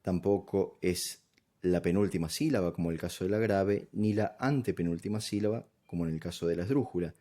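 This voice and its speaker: Patient low-voiced male teacher. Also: brisk, warm tone. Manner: patient, step-by-step, checks understanding with "¿sí?". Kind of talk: grammar lesson explanation.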